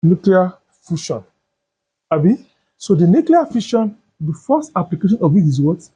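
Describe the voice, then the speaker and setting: A male teacher giving a chemistry lesson, asking questions and answering them himself, repeating terms slowly. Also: high-pitched, big pitch swings, mellow, slightly rough. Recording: dull lo-fi sound.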